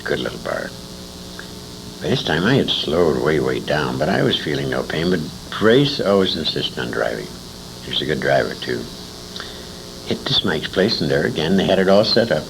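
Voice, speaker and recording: This older American man has a rumbling, gravelly low voice. He's the interviewee in a noisy 1980s convention recording made by amateurs, telling stories in a rambling, emphatic manner and tossing asides to whoever is listening.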